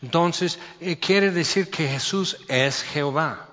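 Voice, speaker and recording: A male preacher with a Mexican accent gives a sermon, reading scripture and unpacking it in a relaxed, conversational way with questions to his listeners. His voice carries a long hall reverb. The recording sounds dull and lo-fi. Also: fairly high pitch, slow pace. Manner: conversational, explains verses with rhetorical questions.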